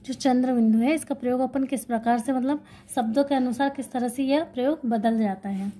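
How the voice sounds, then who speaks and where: A woman's voice: high voice, a little fast, dark tone. A woman teaching an exam-prep grammar lesson, explaining while writing and repeating key points, asking questions and answering them herself.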